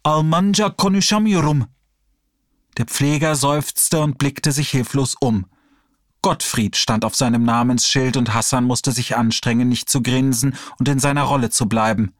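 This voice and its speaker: A man reading an audiobook chapter aloud in a steady storytelling delivery. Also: medium pitch, moderate pace, no echo, studio quality. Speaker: audiobook reader. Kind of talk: audiobook narration.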